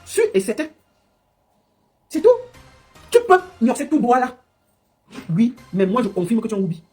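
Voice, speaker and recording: Woman livestreamer, husky and high-ish, in a scolding rant over faint music. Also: very animated, a little mellow. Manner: scolding, mocking, rapid-fire. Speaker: livestream commentator. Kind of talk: ranting live commentary.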